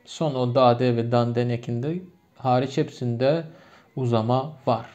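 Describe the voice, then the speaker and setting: A language teacher with a Turkmen accent, born in Turkmenistan and a native Turkmen speaker, goes through grammar patiently using lots of repeated examples. He speaks a little slowly in a mid-range voice that is a little mellow and fairly even in intonation. The recording is muffled and lo-fi.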